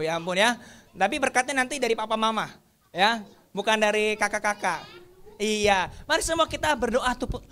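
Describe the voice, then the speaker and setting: A woman's voice: a little high, a bit bright. A woman teaching a Sunday school class for children, leading them through a counted Bible verse recitation in a playful way. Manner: playful, acts out children's voices as examples.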